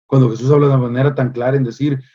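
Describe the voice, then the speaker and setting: A male pastor delivering a sermon in an emphatic preaching manner, repeating phrases and pausing with hesitant fillers. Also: mid-range voice, fairly even intonation, mellow, muffled recording.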